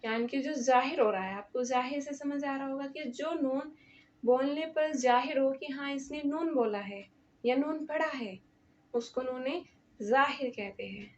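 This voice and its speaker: A woman teaching an Urdu grammar lesson, explaining patiently, repeating examples and asking the viewer questions, with a Pakistani Urdu accent. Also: high-pitched. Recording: dull lo-fi recording.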